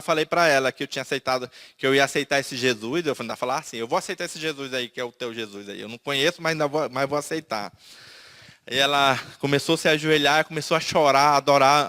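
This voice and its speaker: A man's voice: mid-range voice, pushed and bright. A man from Manaus with a Brazilian Portuguese accent, giving an emotional personal testimony and acting out the dialogue as he tells it. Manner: storytelling, acts out quoted dialogue. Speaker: testimony speaker.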